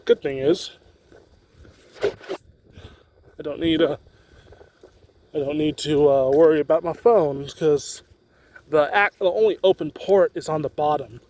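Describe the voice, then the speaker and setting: A young man, a student vlogger, rambles casually in an off-the-cuff walking vlog on a campus street, filmed on a handheld phone. His fairly high voice is a little mellow and fairly even, unhurried with long pauses, against faint street noise.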